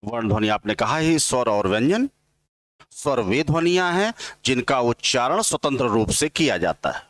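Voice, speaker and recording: A man teaching grammar in an exam-prep lecture, dictating slowly and repeating each line so students can write it down. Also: medium pitch, very animated, a bit bright, dry recording. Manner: slow dictating, repeating lines for notes; spells out vowel sounds one by one.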